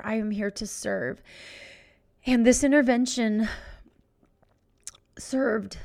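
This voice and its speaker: A middle-aged woman hosting a podcast, telling a personal story in an emotional, halting way as she searches for words. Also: mid-range voice, a little mellow. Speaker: podcast host. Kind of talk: personal reflective monologue.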